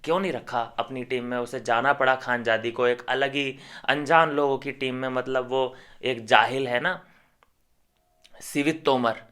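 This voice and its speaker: A man's voice: medium pitch, fairly even intonation, unhurried, fairly bright tone, clear, resonant tone. A man commentating on a reality show, ranting heatedly and scornfully straight at his viewers.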